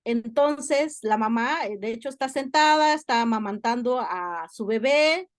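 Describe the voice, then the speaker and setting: A woman lecturer, explaining her research in an academic talk with frequent filler pauses. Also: on the high side, no room sound, studio quality. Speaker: university lecturer.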